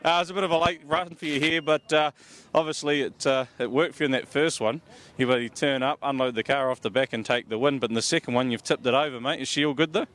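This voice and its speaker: A man's voice: mid-range voice, fast talker, fairly bright tone. A man with a broad New Zealand accent doing casual, slangy interviews as a trackside reporter outdoors. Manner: broad, matey Kiwi way of talking with slang. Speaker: pit-lane interviewer. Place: outdoors in speedway pits. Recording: outdoor recording with faint vehicle noise.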